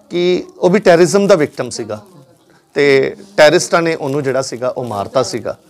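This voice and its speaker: Middle-aged Punjabi man, medium-pitched, explaining. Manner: explanatory, mixes in English words and phrases. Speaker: relative being interviewed. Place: indoors in a room.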